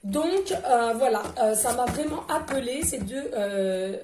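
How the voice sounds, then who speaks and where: Woman medium, effusive and emotional, fairly high voice, echoey room with faint hiss. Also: lively intonation, takes it slowly. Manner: emotional, effusive, many fillers and repetitions. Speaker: medium doing oracle card readings. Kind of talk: casual spiritual card reading to viewers.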